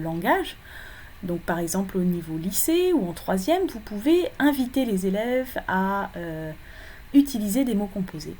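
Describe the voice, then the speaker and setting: Woman with a mellow voice teaching phonology. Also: mid-range voice, a little hiss or hum. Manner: explanatory, with frequent fillers and self-corrections. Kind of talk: recorded lecture for exam preparation.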